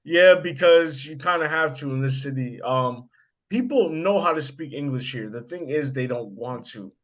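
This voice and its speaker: A young American man hosting a casual chat, telling animated stories and swearing freely. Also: on the high side, moderate pace. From United States. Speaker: podcast host.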